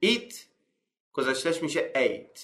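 Man teaching English grammar, lively voice. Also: echoey room. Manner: reads English rules slowly, then explains them in colloquial Persian; calls out example verbs on a higher note. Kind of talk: slide-based grammar lesson.

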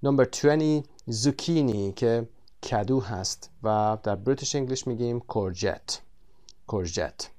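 A man's voice: mid-range voice, a little mellow. Man teaching English vocabulary. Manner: slow, careful English words, quick Persian explanations. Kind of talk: textbook vocabulary lesson.

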